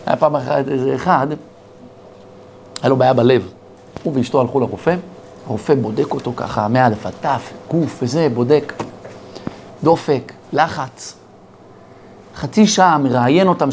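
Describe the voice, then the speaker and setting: A man's voice: medium pitch, pauses often, a little hiss or hum. A man, a rabbi with an Israeli accent, giving a sermon full of parables and acting out the dialogue in his stories. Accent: Israeli Hebrew. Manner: animated storyteller acting out dialogue.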